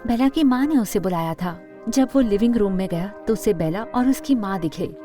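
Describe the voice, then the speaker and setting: A woman narrating an animated story in a steady, scripted storytelling manner. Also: mid-range voice, moderate pace, faint music behind.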